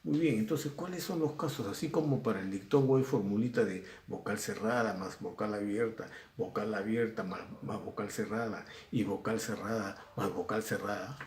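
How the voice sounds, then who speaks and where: A male teacher from Peru giving a recorded grammar lesson, patient and repeating example words slowly. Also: lowish voice, a little hiss or hum. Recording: echoey room.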